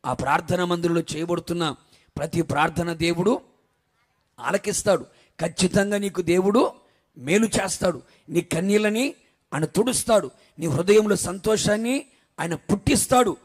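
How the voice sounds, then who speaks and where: A man's voice: high-pitched, normal speed, long pauses, breathy edge. A preacher voicing an earnest pleading woman. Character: devout woman urging her sister to prayer.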